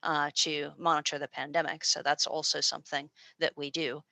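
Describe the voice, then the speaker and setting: An American presenter and postdoctoral researcher addresses an online audience over a video call from a small university room, her low but bright voice forceful and marked by vocal fry. She talks chattily and informally at a moderate pace with little pitch movement, stumbling over fillers and restarting sentences. The sound is close and dry, with no room sound.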